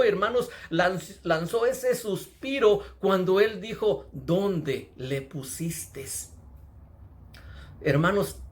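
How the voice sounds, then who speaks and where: A man preaching a sermon with fervent emphasis, calling his listeners "brothers" again and again. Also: on the high side.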